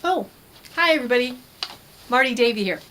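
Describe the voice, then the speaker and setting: A woman's voice: on the high side, animated, a little fast, fairly bright tone, slight background noise. A middle-aged woman hosting, giving casual, informative commentary to camera. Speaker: host giving nutrition commentary. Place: indoor room with bookshelves.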